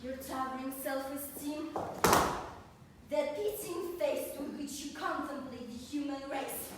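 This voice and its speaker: A woman playing a witty, haughty young society coquette in a classical verse comedy, declaiming with barbed, mocking courtesy. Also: high voice. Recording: very echoey hall from far off, faint noise.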